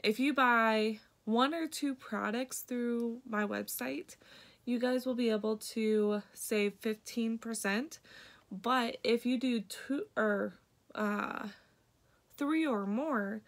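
A woman's voice: fairly high pitch, slow. A young woman with a congested voice, chatting casually through a makeup vlog with lots of ums and likes. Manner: rambling, many ums and likes. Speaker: beauty vlogger and product seller.

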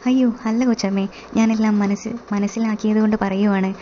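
A woman voicing a bold, defiant young male servant, speaking in a flat, dark tone. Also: mid-range voice, fairly quick, lo-fi sound, slight background noise, lightly acted.

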